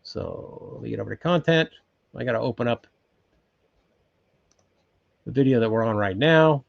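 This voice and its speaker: A man's voice: mid-range voice, moderate pace, gravelly, dry recording, dull audio. A man in his sixties from California, hosting a casual livestream from his off-grid cabin, chatting loosely with many ums and restarts. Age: 60s. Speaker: livestream host. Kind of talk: casual live chat reading viewer comments.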